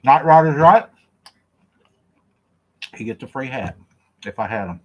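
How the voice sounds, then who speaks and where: A man's voice: medium pitch, expressive, unhurried, muffled recording, slight background noise. Joking man on a livestream. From Oklahoma. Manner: joking, laughing, reads viewer comments aloud. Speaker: livestream host. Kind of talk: casual livestream chat while eating.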